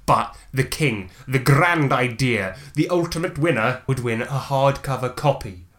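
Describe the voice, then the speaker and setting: A man's voice: medium pitch, animated, a little slow, fairly bright tone. Guy hosting a podcast, jokey, laughs a lot, swears. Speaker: podcast co-host. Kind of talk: casual chat.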